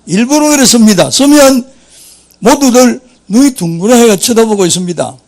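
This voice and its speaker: A man's voice: extremely high pitch, animated, moderate pace, creaky, a little mellow. An older man, a pastor with a Gyeongsang Korean accent, preaching a sermon in a folksy, jokey storytelling way.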